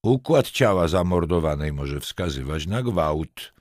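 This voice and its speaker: Brief: stern sardonic cop, curt and mocking, low dry voice, a narrator puts him on. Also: male voice, animated, normal speed, no echo. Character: stern sardonic male police lieutenant.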